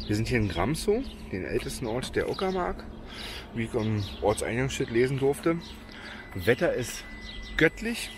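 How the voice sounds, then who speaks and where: A man in his thirties casually vlogging outdoors at a car park charging station, filming himself with a phone held at arm's length and chattily explaining what he sees. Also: medium pitch. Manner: chatty, explaining while walking around outdoors. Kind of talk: casual vlog narration. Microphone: phone camera at arm's length. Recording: loud outdoor background noise.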